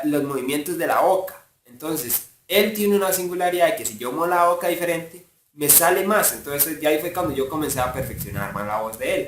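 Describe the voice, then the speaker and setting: A man's voice: a little high, a bit bright. Rambling man explaining voice impressions. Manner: rambling, full of filler words. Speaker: voice impressionist and fandub creator. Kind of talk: casual explanation of voice imitation techniques. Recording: echoey room, mic far off, faint hiss.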